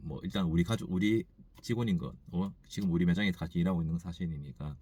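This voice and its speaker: Man, lowish voice, dry room, musing monologue, many restarts, emphatic at points. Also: mellow, slightly rough, no echo. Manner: musing and halting, thinks aloud with frequent restarts. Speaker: store owner. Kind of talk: reflective morning monologue.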